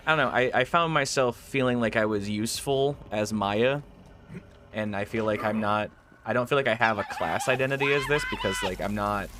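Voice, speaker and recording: A man streaming a video game, chatting casually and thinking aloud about his build and his settings, often swearing. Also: medium pitch. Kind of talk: casual gameplay chat. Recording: game music playing under the voice.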